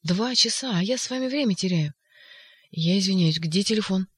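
A reader voicing an agitated young male poet in an audiobook, shouting insistent outbursts. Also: mid-range voice, steady tone, normal speed, no room sound, natural voice. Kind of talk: audiobook character voice.

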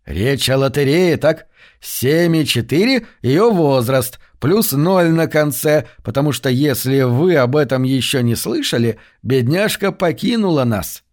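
A man's voice: medium pitch, lively intonation, measured pace, darkish tone, close to an everyday voice. Male narrator voicing a burly gambler; blunt, growling delivery. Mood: confiding. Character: gruff burly man, a hopeful gambler.

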